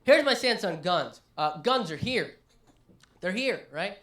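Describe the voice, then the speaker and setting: A male comedian doing a live stand-up set in a small listening room, ranting and animated. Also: high voice, measured pace, reverberant.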